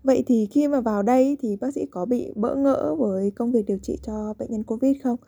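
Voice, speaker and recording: Mellow, husky woman radio host. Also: on the high side, a little fast, no room sound, studio quality. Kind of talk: scripted narration and interview questions.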